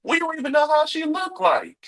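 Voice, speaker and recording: A man's voice: extremely high pitch, huge pitch swings, brisk, fairly bright tone. A man arguing back on a stream, defensive, tacking "all right?" onto his answers. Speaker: guest on a stream. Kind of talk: heated argument on a live stream.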